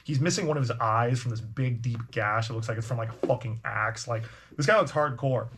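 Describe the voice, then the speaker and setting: A man's voice: mid-range voice, brisk, noisy background. A man narrating as game master of a tabletop game, in loose, rambling speech full of fillers.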